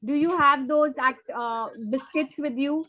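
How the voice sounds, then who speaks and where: A young woman teaching an online class on a video call, briskly coaxing and quizzing her pupils by name. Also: high-pitched, very noisy.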